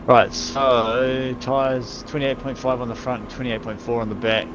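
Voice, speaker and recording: A man's voice: medium pitch, flat delivery, measured pace, noisy background. A man, chatting casually and laid-back with his racing team during a race. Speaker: sim racing team driver.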